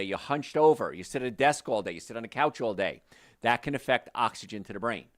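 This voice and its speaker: A man from New Jersey hosting a health podcast, talking to listeners in an animated, conversational way. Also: mid-range voice. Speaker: health show host. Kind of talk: promotional health podcast talk.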